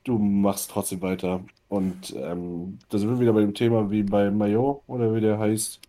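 A man's voice: on the low side, steady tone, moderate pace, warm tone. A man co-hosting a casual podcast, talking bluntly and with strong opinions, cursing now and then. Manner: blunt, opinionated, swears freely. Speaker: podcast co-host.

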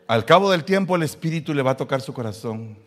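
Male pastor, mid-pitched, very animated sermon delivery with humorous asides. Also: quick pace. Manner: animated preaching, swings from hushed to shouted.

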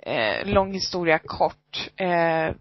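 A woman's voice: fairly low pitch, lively intonation, no room sound. A woman telling stories in a casual chat, acting out other people's lines as she goes. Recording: dry, slightly dull lo-fi sound.

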